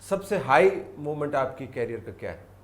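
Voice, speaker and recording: A man's voice: mid-range voice, expressive, reverberant, over loud music. Jokey male talk show host. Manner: playful, joking questions. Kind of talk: casual TV interview.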